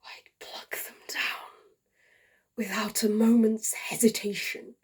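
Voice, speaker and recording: A woman performing a dying, lovesick male soldier-poet in a hushed, half-whispered, heartfelt farewell monologue. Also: medium pitch, level tone, breathy edge. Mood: grieving, tender. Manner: tender, grieving, slow and heartfelt. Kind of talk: dramatic monologue reading.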